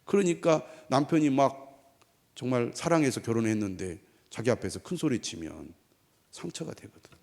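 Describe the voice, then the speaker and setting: A man's voice: mid-range voice, expressive, moderate pace, a little mellow. A man preaching a Sunday sermon in a conversational way, leading the congregation in repeating phrases. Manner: conversational preaching, acts out quoted lines. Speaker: pastor. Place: church sanctuary. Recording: church hall reverb.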